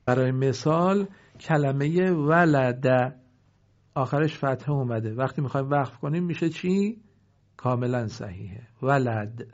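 Man teaching slowly over a dull recording. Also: mid-range voice, expressive, darkish tone. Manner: stretches out example words slowly, asks questions and answers them himself. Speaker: Quran recitation teacher. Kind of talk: recorded lesson on Quranic pausing rules.

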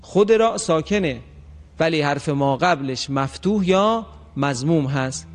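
A man teaching a recitation lesson, explaining the rules and repeating example words slowly and drawn out. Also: fairly high pitch, expressive, in a large hall.

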